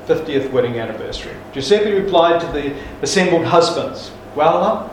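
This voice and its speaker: A man's voice: on the high side, expressive, brisk, a little hiss or hum. A man preacher delivering a sermon with jokes, folksy and emphatic, with restarts. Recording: echoey church hall from far off.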